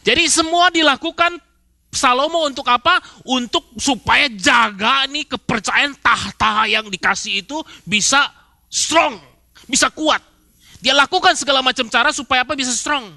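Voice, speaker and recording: A male pastor, preaching in a very bright, high voice. He talks in casual slang and keeps asking the congregation questions. The sound is close and dry. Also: no room sound. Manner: casual Jakarta slang, rhetorical questions, acts out quoted spouses. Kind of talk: sermon.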